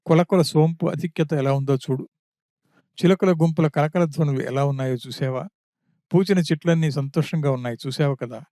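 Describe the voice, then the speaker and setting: A man voicing an arrogant demon king who boasts and coaxes a captive, read in an even storytelling tone. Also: a little high, dry recording, clean studio sound, natural voice.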